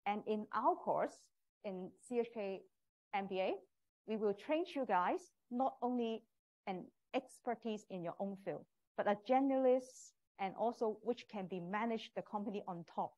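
A woman's voice: mid-range voice, moderate pace, a little mellow, dull audio. Cantonese-accented woman lecturer presenting. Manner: non-native English with small grammar slips. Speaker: professor teaching a communication course. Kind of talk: live presentation to prospective students.

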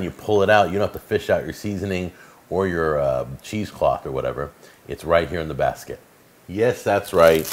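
A middle-aged man hosting a cooking show, chatting casually and enthusiastically as he shows off gadgets in his home kitchen. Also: low-pitched. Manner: chatty, enthusiastic, filler-heavy. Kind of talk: casual product demo.

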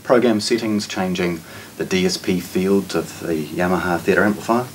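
In a carpeted indoor showroom with shelves, a forties-aged man with a New Zealand accent and a low-sitting voice unboxes products for a shop. His unscripted demo is measured and matter-of-fact, delivered in short, broken phrases. Expect a distant microphone, clear background noise, and handling clicks.

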